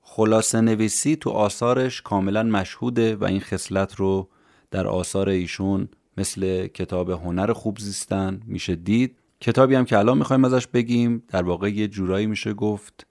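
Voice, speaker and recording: Calm low-voiced man hosting a podcast. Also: gravelly, no room sound, clean studio sound. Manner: calm, explanatory, addresses listeners directly. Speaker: podcast host summarizing books. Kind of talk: scripted podcast narration.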